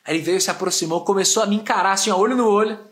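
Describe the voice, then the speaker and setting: High-voiced animated São man. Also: racing. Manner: animated, slangy, expressive. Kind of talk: casual storytelling testimony.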